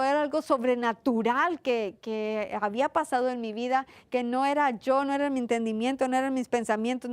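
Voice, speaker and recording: A woman's voice: a little high, clean tone, dry recording. A woman preaching a sermon in an earnest, repetitive way, asking questions and answering them herself.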